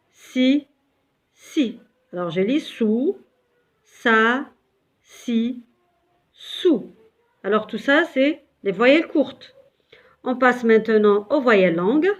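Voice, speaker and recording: A woman teaching beginners step by step, patiently repeating syllables with some hesitant fillers. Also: a little high. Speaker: Arabic teacher. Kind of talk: slow step-by-step lesson for beginners.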